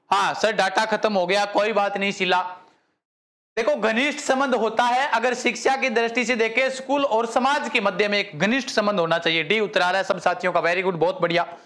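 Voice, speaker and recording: A male teacher runs a live online quiz class, cheering students on by name and slipping into joking dialect. His voice sits high for a man. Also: fairly bright tone. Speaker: exam-prep teacher.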